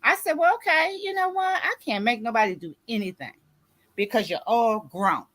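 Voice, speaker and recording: A woman's voice: a little high, expressive, moderate pace, a bit bright. Woman in her 60s giving a pep talk to writers, preachy, keeps checking ppl are following. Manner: preachy, repeats "you see what I'm saying". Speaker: contributing author and grief coach. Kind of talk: motivational talk.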